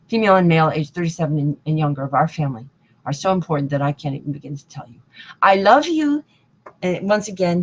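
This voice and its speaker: A woman hosts a devotional broadcast online, chanting long lists of names in a rambling, sing-song, repetitive way. Her voice is low and slightly mellow. The audio, from an online hangout broadcast, sounds dull.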